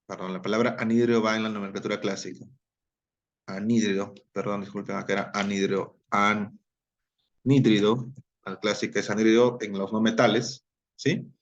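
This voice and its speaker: A man's voice: lowish voice, level tone, fairly quick, lo-fi sound. A man teaching a chemistry lesson, explaining step by step, repeating key terms and checking in with his students.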